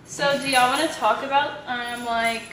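A woman's voice: high-pitched, steady tone, normal speed, a bit bright. A woman in her twenties chatting casually with friends. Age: 20s. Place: indoor living and dining room. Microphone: camera across a table. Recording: echoey room, distant mic, faint noise.

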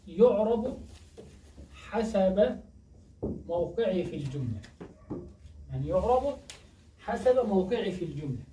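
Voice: mid-range voice, mellow. Teacher quizzing and answering themself. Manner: asks questions and answers them, repeats key words. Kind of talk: grammar lesson. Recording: echoey distant dull recording, faint noise.

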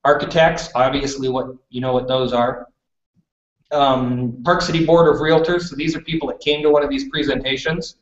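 A workshop presenter from British Columbia, in western Canada, leads a live classroom session before an audience. His mid-range voice moves at a moderate pace with fairly even intonation, and he chats casually, repeatedly checking in with "okay?". The room recording sounds roomy, distant and dull.

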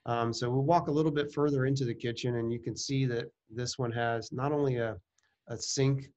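A middle-aged man casually narrating a virtual house tour as a real estate agent, with many ums and restarts. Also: mid-range voice.

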